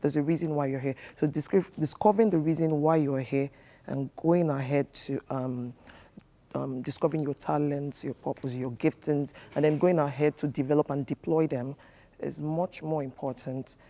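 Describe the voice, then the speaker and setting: A man's voice: on the high side, fairly even intonation, normal speed, warm tone. A man, a relationship coach giving earnest, instructive advice in a TV studio interview, with many fillers.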